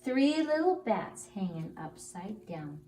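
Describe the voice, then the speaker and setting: Animated woman storyteller in a roomy space. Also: mid-range voice, slow pace. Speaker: children's storyteller. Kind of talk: animated story time for young children. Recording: roomy, distant mic, faint noise.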